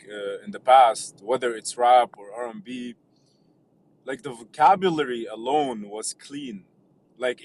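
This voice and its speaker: A man from Lebanon calls into a live stream and speaks at a mid pitch. He talks hesitantly, stopping and restarting often. There is a faint hiss of noise behind him. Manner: hesitant, many fillers and restarts. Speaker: caller. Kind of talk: casual call-in chat.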